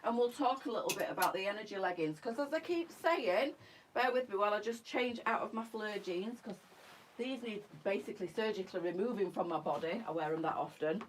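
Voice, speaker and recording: A woman's voice: medium pitch, animated, a little fast, a little hiss or hum. A woman hosting a boutique live stream, chatting casually to viewers and at times out of breath while changing clothes. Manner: chatty, warm sales patter addressing viewers as girls. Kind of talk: casual live-selling chat.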